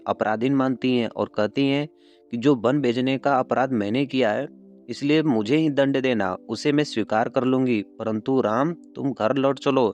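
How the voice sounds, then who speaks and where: Man explaining a poem, lo-fi. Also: mid-range voice. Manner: explains slowly, repeating phrases with yaani and matlab. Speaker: teacher. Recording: dull lo-fi sound with soft background music.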